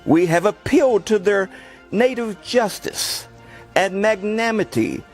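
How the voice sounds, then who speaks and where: A man's voice: high-pitched, measured pace, soft background music. A man formally reciting a historical document as a horror host.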